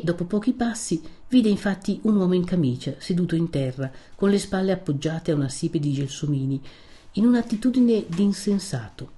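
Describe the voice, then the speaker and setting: A woman narrating a classic novel in a slow, measured audiobook reading. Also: fairly low pitch, mellow.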